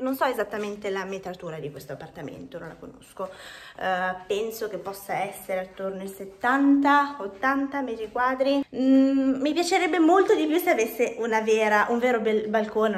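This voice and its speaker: A young woman giving a casual home tour, chatting with fillers as she walks through her apartment, filming on a handheld phone. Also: medium pitch. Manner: walking while filming. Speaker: vlogger. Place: apartment rooms indoors. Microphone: phone held at arm's length.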